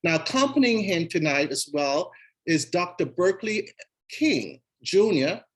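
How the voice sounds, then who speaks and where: A man's voice: high-pitched, animated, a little slow, rough recording. A man hosts the evening and reads the guests' bios in a formal tone. He trips over a name now and then and corrects himself. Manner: formal, with occasional stumbles over names. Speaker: event host. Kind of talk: reading speaker bios.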